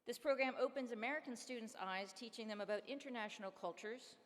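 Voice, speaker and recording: A woman hosting a fundraising dinner, briskly calling auction bids and coaxing donations in an upbeat, persuasive way. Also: fairly high pitch. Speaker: charity auctioneer and fundraiser host. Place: large hall at an awards dinner. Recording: long reverb hall, faint room noise.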